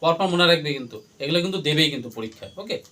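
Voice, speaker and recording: A male teacher runs his class through call-and-response drills, repeating questions until the students chant the answers. He talks rapid-fire in an expressive voice that is a little high, pushed and bright.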